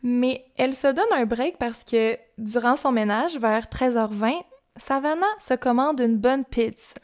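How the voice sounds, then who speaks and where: A woman's voice: on the high side, a little slow. A young woman with a Québécois accent casually telling a true-crime story on a podcast, chatty and informal with asides. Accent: Québécois French.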